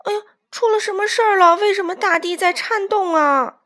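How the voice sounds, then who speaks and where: A woman's voice: sits high, lively intonation, takes it slowly, gravelly, voice pushed up, heavily acted. A woman voicing a nervous but brave young rooster who stammers in a storybook reading. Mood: fretful. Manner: stammering, fretful.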